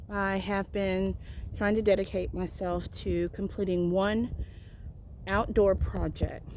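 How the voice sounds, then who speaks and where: A woman's voice: lowish voice, warm tone, slight background noise. A woman casually vlogging outdoors in the countryside while walking and foraging, chatty and self-deprecating.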